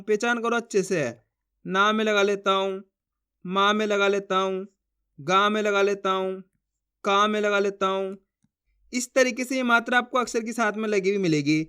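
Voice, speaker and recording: A man teaching beginners to read Hindi, sounding out syllables slowly and asking listeners to read along with him. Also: sits high, pushed and bright, clear, resonant tone. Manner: drawn-out syllables when sounding out words. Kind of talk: spoken lesson for beginners.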